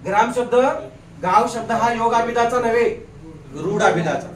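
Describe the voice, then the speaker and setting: A man teaching a grammar class in a lively way. He quizzes his students, jokes with them, and. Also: extremely high pitch, normal speed, recorded from a distance, a little hiss or hum. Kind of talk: classroom lecture. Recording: echoey classroom recorded from afar.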